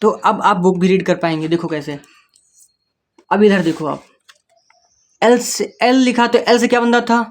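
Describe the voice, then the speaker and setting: A man gives a beginner's reading lesson, building each word slowly from its letters. His talk is patient and repetitive, with frequent check-ins with the learner. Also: high-pitched. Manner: patient, spells words letter by letter, keeps checking in with the listener. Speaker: English reading teacher. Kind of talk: step-by-step spoken lesson.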